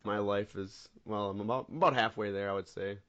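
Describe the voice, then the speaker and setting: On dull lo-fi audio, a lowish-voiced podcast co-host in his mid-twenties talks fairly quickly. The chat is casual, and he tells rambling, animated stories while laughing.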